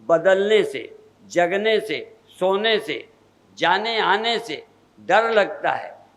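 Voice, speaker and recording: Older male guru, sermon delivery, unhurried and repetitive, pitched high. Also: fairly bright tone, rough recording. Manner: measured, repetitive preaching cadence. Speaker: spiritual teacher.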